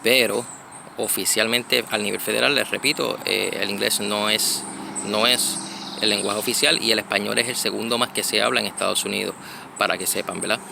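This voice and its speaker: A man from Connecticut, giving a casual spoken church reflection, halting and full of fillers and restarts, recorded outdoors. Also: fairly low pitch, steady tone, vocal fry, background noise. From United States (Connecticut).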